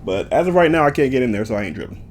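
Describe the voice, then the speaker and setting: Playful man giving lively game commentary. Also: medium pitch, very fast, noisy background. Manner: playful, jokey, talks to viewers, drifts into sing-song bits. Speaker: gameplay streamer.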